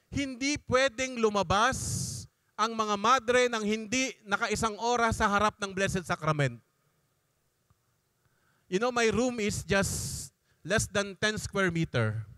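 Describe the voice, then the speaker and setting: A middle-aged man preaches in an easy, conversational way, tossing in asides as he goes. His voice sits high and sounds bright. The recording is dry and close, with little room sound. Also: dry recording. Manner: conversational preaching, mixing Tagalog and English, frequent asides. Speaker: priest. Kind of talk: sermon-style talk at a youth congress.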